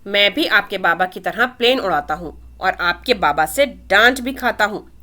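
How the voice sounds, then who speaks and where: Playful young male pilot, voiced by a woman, affectionate, bright tone. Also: mid-range voice, expressive, normal speed. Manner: teasing, affectionate.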